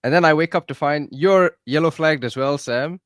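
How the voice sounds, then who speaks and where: A man's voice: fairly high pitch, moderate pace, a bit bright, no echo, studio quality. A man hosting a podcast in casual chat, upbeat and teasing, keeping things moving. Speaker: podcast host.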